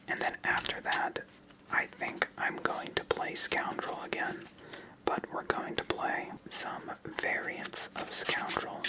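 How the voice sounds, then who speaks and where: In a hushed, breathy ASMR whisper with no voicing, someone narrates card game content as the channel's host. The sound quality is poor.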